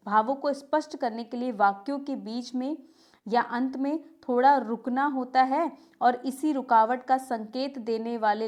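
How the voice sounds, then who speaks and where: A woman's voice: on the high side, darkish tone. A woman teaching a grammar lesson to exam students, narrating over a shared screen and often asking a question and answering it herself. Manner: repeats key terms as questions and answers them, says "ठीक है" often.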